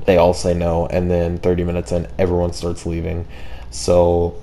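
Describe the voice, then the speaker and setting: A man's voice: low voice, warm tone, a little hiss or hum. A young man talking casually and downbeat over gameplay, speaking carefully with a sore jaw from tightened braces. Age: teenager or young adult. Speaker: gaming video creator.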